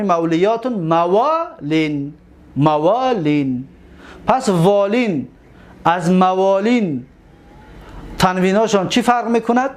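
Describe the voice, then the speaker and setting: Tajik-accented male teacher with a high voice, runs a classroom grammar drill, poses questions and answers them himself. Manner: drills forms aloud, asks and answers his own questions.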